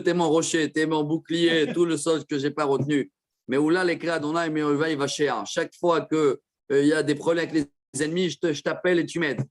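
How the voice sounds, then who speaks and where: A man teaching a Torah class as a rabbi, explaining verses with quick asides to his listeners. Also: fairly high pitch. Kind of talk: Torah lesson.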